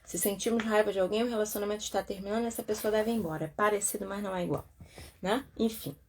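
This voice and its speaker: A woman's voice: mid-range voice, steady tone, fast, a little hiss or hum. A Brazilian woman therapist comments on a self-help book in a chatty way, with frequent tag questions and acted-out quotes. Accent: Brazilian Portuguese.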